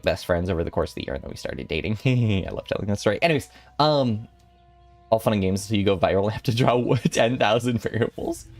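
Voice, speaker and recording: A young man in his twenties chatting casually with viewers on a stream, rambling and playful with giggly asides. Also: fairly low pitch. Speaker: VTuber streamer.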